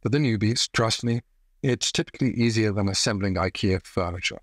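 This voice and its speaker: Man in his thirties, low voice, close dry mic, measured tech-explainer read with dry humor. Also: no echo. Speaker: tech reviewer host. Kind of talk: scripted explainer. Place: home room, indoors.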